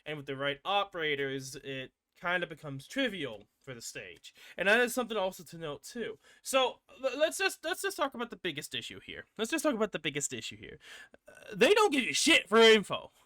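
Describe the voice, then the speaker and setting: A man's voice: high voice, sing-song, brisk, bright, forceful tone, no room sound, studio quality. A man hosting a gaming channel, giving casual rambling commentary with frequent restarts and casual swearing.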